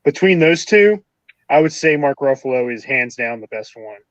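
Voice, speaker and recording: A man's voice: medium pitch, lively intonation, dry recording, muffled recording. A man co-hosting a casual movie review podcast, chiming in to correct facts and give opinions. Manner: corrects facts, quick interjections. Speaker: podcast co-host.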